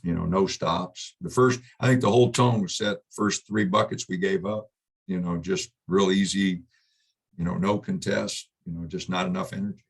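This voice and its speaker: Low gravelly coach, subdued postgame. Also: male voice, steady tone. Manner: halting, subdued, many fillers and restarts. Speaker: basketball head coach. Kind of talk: postgame press conference.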